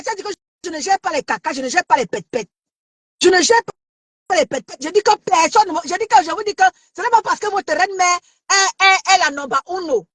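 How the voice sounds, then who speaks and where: A woman from Cameroon ranting to her online followers, confrontational, shouting and taunting, stammering and repeating herself. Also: very high-pitched, dry recording. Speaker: social media commentator. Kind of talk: heated live rant.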